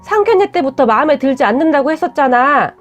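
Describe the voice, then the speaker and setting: A woman's voice: high voice, animated, fast talker, faint music behind. A woman voicing a stern parent who talks seriously and reproachfully. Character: stern worried parent of the bride.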